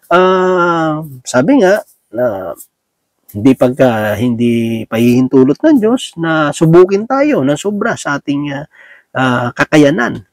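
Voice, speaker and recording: A man's voice: fairly high pitch, no echo. A man with a Filipino accent giving a casual, conversational sermon, often checking in with his listeners and acting out small everyday scenes. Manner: folksy, asks "di ba?" often, acts out little scenes. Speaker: preacher.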